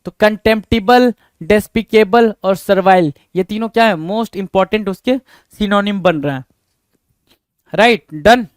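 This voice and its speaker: Man teaching vocabulary, clear voice. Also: sits high, moderate pace, dry recording, clean studio sound. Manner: asks rhetorical questions and answers them himself, repeating key words. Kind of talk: exam-prep vocabulary lesson.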